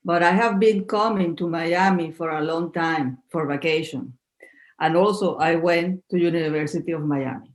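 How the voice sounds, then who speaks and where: A Venezuelan woman in her fifties, a native Spanish speaker, answers interview questions as a podcast guest. Her voice is low and her pace moderate, and she comes across as earnest and slightly formal.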